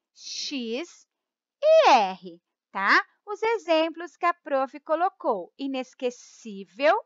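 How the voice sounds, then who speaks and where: A woman teacher with a Brazilian accent giving a grammar lesson, explaining slowly, repeating the rules, stretching key words and often checking in with her students. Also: high voice, a bit bright, no room sound, muffled recording. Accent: Brazilian Portuguese. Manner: keeps checking in with "tá?" and "ó". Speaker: Portuguese teacher.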